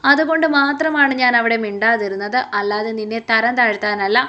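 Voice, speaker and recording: A woman voicing a serious, devoted young man, speaking softly and earnestly in her own voice. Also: brisk, lo-fi sound. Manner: low, soft and serious.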